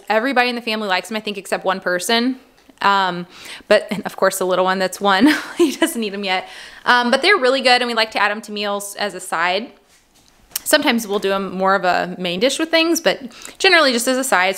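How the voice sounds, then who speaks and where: A woman's voice: mid-range voice, a little fast, sharp tone, clear, resonant tone. Casual female vlog host, 30s, friendly chatter full of "um"s and small laughs, talking over groceries at home. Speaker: vlog host, mother of a large family. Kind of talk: casual grocery haul chat. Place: indoors at a home table.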